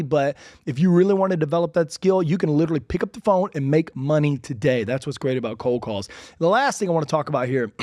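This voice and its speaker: A man hosting a real estate podcast, talking in an energetic, chatty way full of asides. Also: fairly high pitch, no echo, studio quality. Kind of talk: casual instructional podcast talk.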